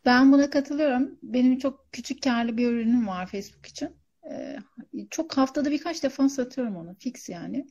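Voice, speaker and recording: A woman's voice: sits high, brisk, darkish tone. A woman chatting casually as a student, telling about her online selling and asking questions, on a slightly lo-fi recording. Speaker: coaching student, online seller. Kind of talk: casual question-and-answer chat. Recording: slightly dull, lo-fi sound.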